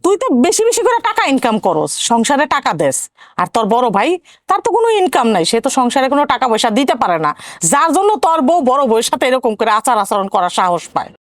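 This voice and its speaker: A high, lively voice belongs to an aging village mother in a TV drama. She grumbles and laments. Her complaints rise and fall sharply, recorded close and dry. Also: fast talker, dry recording. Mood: bitter. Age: older. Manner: bitter, complaining, fatalistic. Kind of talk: TV drama acting.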